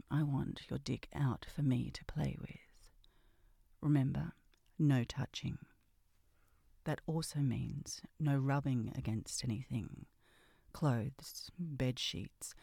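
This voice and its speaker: Sultry, gravelly woman in ASMR role-play. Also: very deep voice, slow pace, no echo, clean studio sound. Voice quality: breathy, often dropping into a soft voice. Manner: sultry, seductive narration; commanding, teasing.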